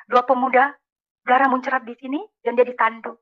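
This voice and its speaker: High-voiced woman giving an emphatic testimony. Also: level tone, moderate pace, lo-fi sound. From Makassar, Indonesia. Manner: emphatic storytelling, often calling listeners "saudara kekasih". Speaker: testimony speaker. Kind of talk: religious conversion testimony to a congregation.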